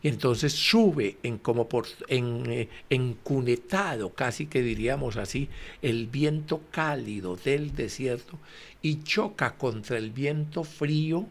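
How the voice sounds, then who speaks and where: A man talks through a gospel reading in an easy, explanatory way. He leans on fillers and repeats phrases for emphasis, turning often to address his listeners directly. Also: medium pitch. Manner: explains slowly, with frequent fillers and repetitions. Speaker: Bible study presenter. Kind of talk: conversational gospel commentary.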